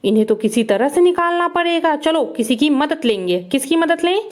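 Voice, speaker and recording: A woman narrating toy play for children in an excited, exclaiming way, cheering the toys on. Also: sits high, normal speed.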